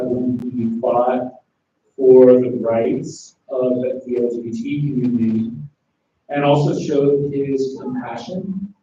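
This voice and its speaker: A man's voice: mid-range voice, mellow, highs cut off. A man addressing a court in a formal speech, moving a friend's admission. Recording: echoey hall, far from mic, noisy.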